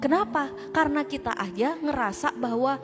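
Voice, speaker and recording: Woman speaker, high voice, lively talk to a women's group, long hall reverb with music behind. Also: normal speed. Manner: animated and conversational, with rhetorical questions to the crowd. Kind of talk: motivational religious talk to a live audience.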